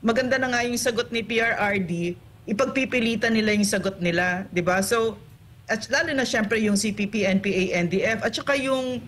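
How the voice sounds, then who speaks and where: A woman's voice: on the high side, a little fast, a bit bright. A woman political commentator in an online interview, talking indignantly and firing off rhetorical tag questions.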